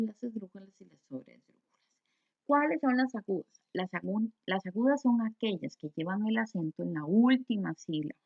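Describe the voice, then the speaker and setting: A woman's voice: on the high side, creaky. A Costa Rican woman teaching a recorded grammar lesson, explaining step by step and asking and answering her own questions. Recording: dull lo-fi recording.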